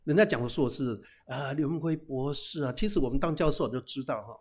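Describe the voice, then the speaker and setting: Husky-voiced man preaching with playful humor. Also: mid-range voice, a little fast. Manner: lively storytelling with frequent "哈" tags and English phrases. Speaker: pastor. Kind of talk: humorous sermon.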